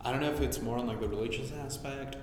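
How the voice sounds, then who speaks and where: A man's voice: mid-range voice, fast talker. A man around thirty co-hosting a casual, sweary, slangy chat in a cavernous, echoey room. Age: 30s. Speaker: podcast co-host. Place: echoey hard-walled room. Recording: cavernous echo, long reverb, faint noise.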